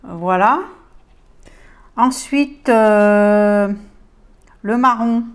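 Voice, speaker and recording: A woman's voice: mid-range voice, drawn-out words. A woman casually showing makeup palettes on her channel, hesitant with many fillers and enthusiastic about the colors. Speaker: beauty vlogger. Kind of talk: casual product haul chat.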